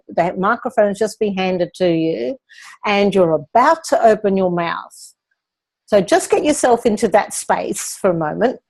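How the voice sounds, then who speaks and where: A woman hosting a live question-and-answer session as a speaking coach, explaining techniques in a calm, guiding way. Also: medium pitch.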